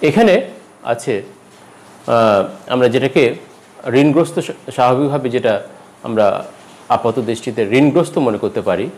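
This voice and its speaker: A man giving a pronunciation lesson, repeating each word slowly and carefully, with a rise in pitch at every new word. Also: low-quality recording. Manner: lively teacherly stress, rises at each new word. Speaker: language teacher.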